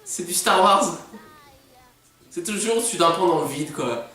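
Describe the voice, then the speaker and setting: Echoey, high-pitched, animated Frenchman riffing. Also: moderate pace. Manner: exasperated, sarcastic, prone to outbursts and swearing. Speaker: host reacting to an animated film. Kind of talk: live film commentary, casual mocking reactions. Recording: echoey room, distant microphone.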